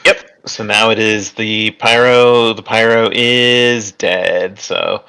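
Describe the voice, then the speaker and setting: A man acting as game master in a tabletop game, relaxed and halting, calling turns. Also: fairly low pitch, vocal fry, smooth, low-quality recording. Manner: relaxed, halting, with silly put-on enemy voices.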